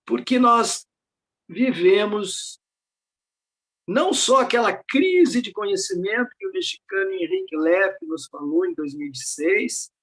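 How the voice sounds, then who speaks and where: A high, fairly bright voice with lively intonation carries this older man's unhurried academic talk. Invited to speak at a research network meeting, he presents over slides on a video call, reflective in tone and prone to rhetorical questions.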